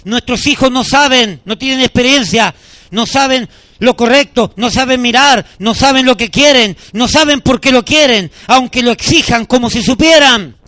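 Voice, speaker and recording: Bright high-voiced preaching pastor, a man. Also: moderate pace. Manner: animated storytelling preacher, voices the people in his anecdotes. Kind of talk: sermon.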